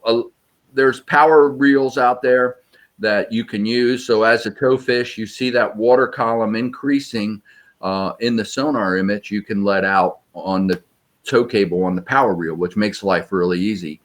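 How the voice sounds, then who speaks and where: Low-voiced man explaining sonar searches. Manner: practical, explanatory, measured. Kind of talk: interview answers.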